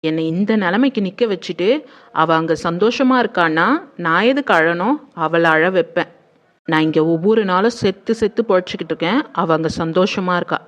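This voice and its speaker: A woman's voice: lowish voice, a little fast, lightly acted. An actress playing a bitter, vengeful young woman who was jilted, speaking in a tearful then seething TV serial manner. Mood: resentful. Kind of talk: TV serial acting. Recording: muffled lo-fi sound.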